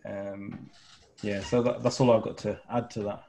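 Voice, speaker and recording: Gravelly man reading out questions. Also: lowish voice, moderate pace, slight background noise, low-quality recording. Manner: relaxed, good-humoured, reads questions aloud. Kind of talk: reading questions, casual chat.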